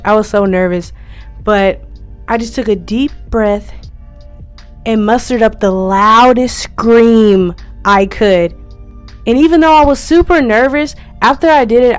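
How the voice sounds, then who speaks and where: A young woman vlogger sharing friendly, encouraging tips as a first-year scare actor, in a chatty, upbeat way. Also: fairly high pitch. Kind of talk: friendly tips vlog, partly scripted.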